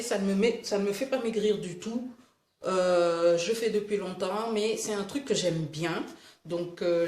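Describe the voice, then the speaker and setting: A woman from Senegal chatting casually through her morning routine in a lifestyle vlog, relaxed and talkative. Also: mid-range voice. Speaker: lifestyle vlogger. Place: room at home. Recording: echoey room, faint noise.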